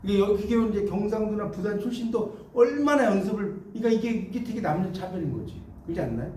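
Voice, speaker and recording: A middle-aged man teaches a class, dictating notes, repeating key phrases, and checking that his students are following. He talks fast in a high, dark-toned voice with lively intonation. He is off-mic and distant in an echoey room, with slight background noise.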